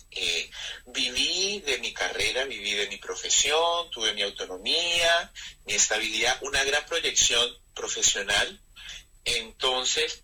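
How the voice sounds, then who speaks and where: A man in his thirties with a Colombian accent, a friar speaking reflectively and with pauses in an interview. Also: medium pitch, pushed and bright, breathy edge, rough recording. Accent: Colombian Spanish. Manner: reflective, measured, with frequent hesitations. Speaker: Carmelite friar. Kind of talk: interview conversation.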